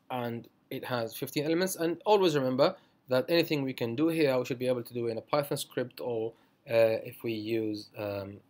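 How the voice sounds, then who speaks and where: A programming instructor with a medium-pitched, slightly mellow male voice walks through a screencast tutorial. He talks it through loosely, full of fillers and self-corrections.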